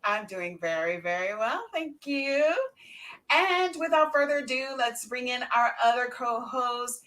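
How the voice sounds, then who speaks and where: A woman hosts an online talk show, delivering excited introductions and banter while emphatically repeating words for effect. Her voice sits on the high side, and she doesn't hurry.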